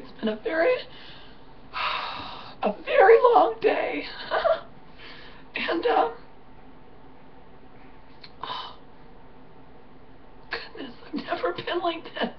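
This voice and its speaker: A hoarse woman talks slowly to the camera, her high, rough voice swinging widely in pitch. She sounds worn out and stops often with fillers and soft laughs. The sound is muffled and a little distant, with faint room noise. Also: big pitch swings, a crowd in the background. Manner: tired, halting, many fillers and soft laughs. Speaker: vlogger. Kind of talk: casual chat to camera. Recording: muffled, slightly distant home recording.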